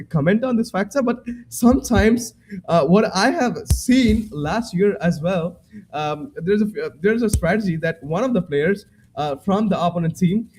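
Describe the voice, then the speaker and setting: A man gives post-match esports analysis in a high voice. He talks hesitantly, circling back with plenty of fillers and restarts. A faint hiss of noise runs under his headset mic. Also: a little mellow, low-quality recording. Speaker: esports caster.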